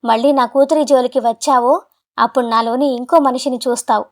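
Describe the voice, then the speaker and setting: A woman's voice: high-pitched, steady tone, fairly quick, natural voice. A woman voicing an elderly father who speaks with grave, firm force, protective of his daughter, in a storybook drama. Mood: stern angry.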